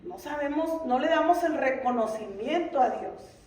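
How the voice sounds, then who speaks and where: A high-pitched woman teaches a Bible lesson in an earnest, questioning way. She is heard from a distance across a roomy church hall with a lot of echo. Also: animated, moderate pace, darkish tone. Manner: earnest, with many rhetorical questions to the congregation.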